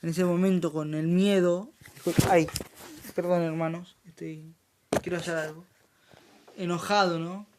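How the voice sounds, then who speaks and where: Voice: mid-range voice, steady tone, measured pace, noisy background. A speaker explains and reads Bible passages in an informal study. They hesitate often, correct themselves and add amen, recorded on a handheld phone. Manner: hesitant, full of fillers and self-corrections, says amen often.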